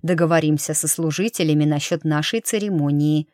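A woman reading a gruff, blunt young male battle mage in an audiobook, speaking in a dry, matter-of-fact, grumbling way. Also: deep voice, brisk, darkish tone, dry recording, close to an everyday voice. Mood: stern.

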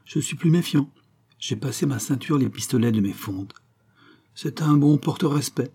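A man playing a proud, sturdy courier, boastful and sure of himself, set a little higher than the reader's own voice. The timbre is mellow with a husky grain, as in a storybook reading. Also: expressive, moderate pace. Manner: boastful, self-assured.

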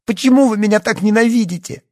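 A man reading an audiobook and voicing a timid, tearful teenage schoolgirl who pleads in a high, frightened voice. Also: expressive, moderate pace, breathy edge. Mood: bitter pleading.

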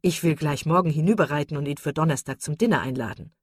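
A woman reading the part of a hearty, blustering country squire, blunt and loud. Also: sits low, fast, breathy edge, dry recording, clean studio sound.

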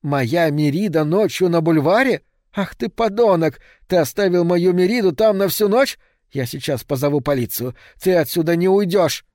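Guy doing a shrieky angry old lady in an audiobook, loud and cursing. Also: moderate pace, no room sound, studio quality, lightly acted. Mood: screaming fury. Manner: shrill, screaming and cursing. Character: furious screeching old woman, a worried mother.

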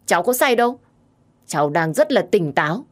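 A woman voicing a drunk, stubborn young woman, whiny and high. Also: big pitch swings, normal speed. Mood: drunk, petulant. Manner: whiny, insistent, pleading.

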